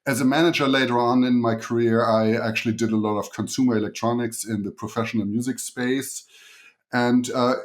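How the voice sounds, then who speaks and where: A middle-aged man with a German accent, giving conversational answers as an interview guest. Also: mid-range voice. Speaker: podcast guest, engineer and investor.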